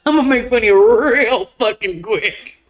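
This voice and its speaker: A woman's voice: on the high side, lively intonation, moderate pace, a crowd in the background. A young adult woman hosting a live stream in casual chat, laughing often, swearing freely and telling stories with animation. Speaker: stream host.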